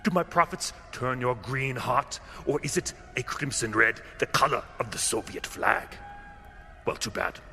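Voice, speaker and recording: Over background music, an actor voices a smug businessman villain in a radio drama. His medium-pitched voice is sharp, exaggerated and animated yet unhurried, delivering pompous, taunting, theatrical gloating.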